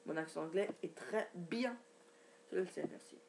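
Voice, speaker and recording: A man's voice: high voice, normal speed, vocal fry, heavy background noise. A man giving a casual, rambling recap from his home computer, with many restarts and fillers. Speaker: wrestling recap vlogger.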